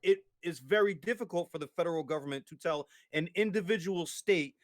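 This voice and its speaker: A man's voice: a little high, fairly quick. A man in a casual debate, explaining at length with many restarts and tag questions. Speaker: guest.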